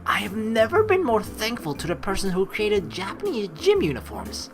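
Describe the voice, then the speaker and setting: A woman's mid-range voice, moving at a moderate pace with huge pitch swings, plays over music. She's a let's player, teasing playfully through her game commentary and reading the visual novel's text aloud.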